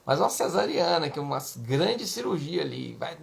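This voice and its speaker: A man's voice: on the high side, big pitch swings, normal speed. A man with a Brazilian Portuguese accent, a pediatrician giving parenting advice in a chatty way, full of tag questions. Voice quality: creaky. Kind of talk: casual advice talk.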